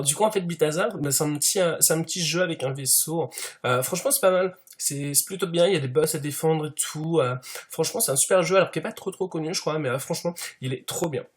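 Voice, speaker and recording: A man doing a comedic parody monologue as a smug show-off, padding every sentence with fillers. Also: on the high side. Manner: smug show-off persona, heavy fillers, constant "tu vois". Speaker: YouTuber.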